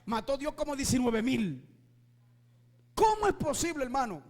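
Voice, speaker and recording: A male pastor preaching with fervor, shouting at his peaks and asking his listeners rhetorical questions. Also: extremely high pitch, big pitch swings, moderate pace, in a large hall. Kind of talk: preaching sermon.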